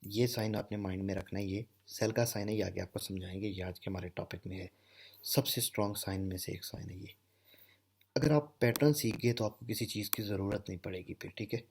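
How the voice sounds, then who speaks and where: A man's voice: lowish voice, steady tone, fairly quick, vocal fry, a little mellow, breathy edge. A man teaching candlestick chart patterns over a screen recording, explaining step by step and often checking in with "okay". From Pakistan. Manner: explanatory, repeats "theek hai" often. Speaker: trading instructor. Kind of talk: screen-share trading lesson.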